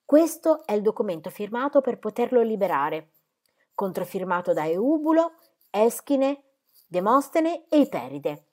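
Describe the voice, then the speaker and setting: A woman's voice: medium pitch, measured pace, pitched above the performer's own voice. A woman reading the part of a bold young female flute player in a storybook, speaking firmly and steadily. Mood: earnest. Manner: firm and steady.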